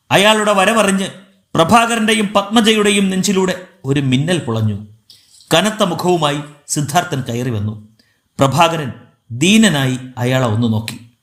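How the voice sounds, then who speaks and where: High-voiced, expressive male storyteller. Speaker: audiobook narrator. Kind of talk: dramatic novel narration. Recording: echoey room.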